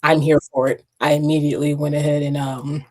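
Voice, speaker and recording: Give me a low-pitched woman hosting an interview, lively and chatty. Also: brisk. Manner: animated, chatty, laughs often. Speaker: podcast host. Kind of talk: casual interview chat.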